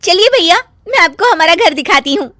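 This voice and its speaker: A woman's voice: very high-pitched, expressive, fairly quick, sharp tone, no echo, clean studio sound, exaggerated voice. A woman voicing a polite, cheerful young daughter-in-law in a cartoon, respectful and eager. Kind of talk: cartoon dubbing.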